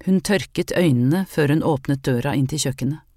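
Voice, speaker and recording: Low, warm-voiced woman reading a novel. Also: no echo, clean studio sound. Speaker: audiobook narrator. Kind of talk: scripted narration of a novel.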